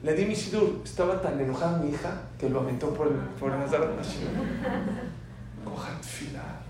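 A man teaching a sermon full of stories, swinging between soft asides and loud emphatic bursts. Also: a little high, brisk. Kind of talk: sermon with storytelling. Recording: very echoey room from far off, faint hiss.

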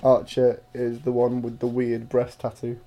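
A man's voice: mid-range voice, completely flat delivery, normal speed, mellow. A man co-hosting a wrestling podcast, chatting casually with dry joking asides. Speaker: podcast co-host. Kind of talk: casual chat.

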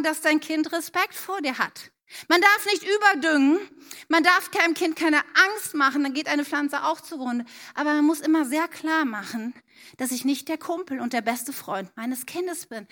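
Earnest high-voiced woman speaking in church. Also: normal speed, bright, forceful tone. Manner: earnest, direct, addresses parents as du. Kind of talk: church talk on parenting.

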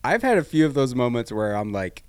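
A man's voice: medium pitch, sing-song, fairly quick, darkish tone, smooth, dry recording. A man chatting casually as a podcast co-host, swearing as he tells stories about everyday frustrations. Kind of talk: casual chat.

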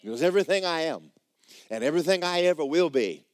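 A man preaching a sermon as a church pastor, emphatic and drawn out, sinking low and quiet at the ends of phrases, then leaping into sudden loud outbursts. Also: lively intonation, quick pace, dry recording, clean studio sound. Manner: emphatic preaching with swooping pitch and sudden shouts.

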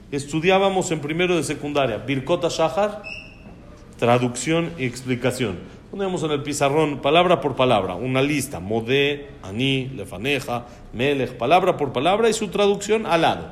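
A man's voice: on the high side, lively intonation, moderate pace, slight background noise. A man teaching a religious lesson on prayer, posing questions and answering them himself. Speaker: Torah teacher.

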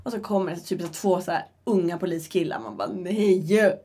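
A woman's voice: fairly low pitch, a crowd in the background. A young woman, telling a story in casual chat and acting out her own panic.

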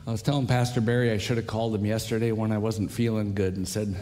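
A man's voice: on the low side, little pitch movement, quick pace, dark tone, slight background noise. A man preaching a sermon in a church while losing his voice, telling stories in a chatty, self-deprecating way. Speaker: pastor. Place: church sanctuary.

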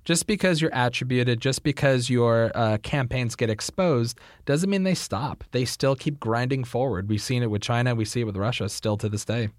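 A man's voice: medium pitch, normal speed, hardly any pauses, no room sound, studio quality. A man co-hosting a podcast, explaining things casually with lots of fillers. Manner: rambling, many fillers like "like" and "uh". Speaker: podcast co-host.

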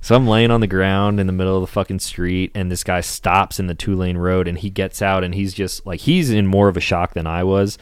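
A man's voice: low-pitched, steady tone, fairly quick, few pauses, clear, resonant tone, no echo, clean studio sound. A young man hosting a podcast, telling a story in casual chat, laid-back and swearing, laughing now and then. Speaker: podcast host.

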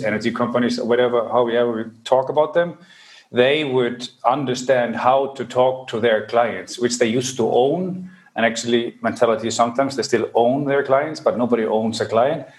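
A man from Iceland, a guest on a podcast, answering questions in a measured way with pauses and restarts. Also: mid-range voice, steady tone. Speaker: podcast guest, energy branding expert. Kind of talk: conversational interview answers.

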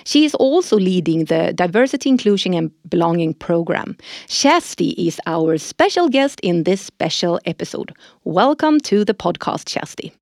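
A woman's voice: fairly low pitch, very animated, normal speed, vocal fry, a little mellow, dry recording. Woman host reading a scripted podcast bit, super dry close sound. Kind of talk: scripted corporate podcast dialogue.

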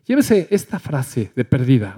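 A man's voice: medium pitch, big pitch swings, a little slow, mellow, breathy edge. A middle-aged man preaching a sermon, telling a personal story and acting out the dialogue while speaking directly to his listeners. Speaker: pastor.

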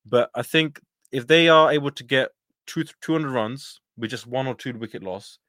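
A man's voice: medium pitch, moderate pace, a bit bright, dry recording, clean studio sound. A man talking casually as a podcast guest, repeating and rephrasing as he goes and acting out bits of what people said. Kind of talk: casual conversation.

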